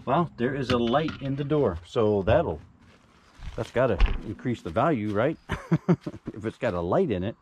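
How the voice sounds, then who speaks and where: A man's voice: medium pitch, animated, unhurried, background noise. Rambling man showing off storage finds outdoors. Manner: rambling, folksy, lots of fillers. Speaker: storage unit reseller. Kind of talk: casual filmed walkthrough. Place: outdoors in a yard. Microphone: handheld camera, first-person view.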